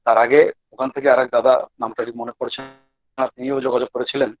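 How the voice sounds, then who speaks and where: A man from Maharashtra, more at home in Hindi and Marathi, gives a humble devotional talk in halting, less practised Bengali mixed with English words over an online call. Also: medium pitch, level tone, phone-quality sound. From Maharashtra, India. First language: speaks Hindi and Marathi more readily than Bengali. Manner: humble, deferential. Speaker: guest devotional speaker. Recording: thin band-limited online call audio.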